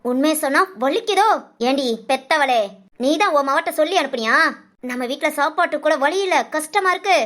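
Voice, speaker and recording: A woman's voice: sits high, a little fast. A scornful rich mother-in-law. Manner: shouting insults, contemptuous. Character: harsh rich middle-aged mother, scornful and domineering. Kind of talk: storybook voice acting.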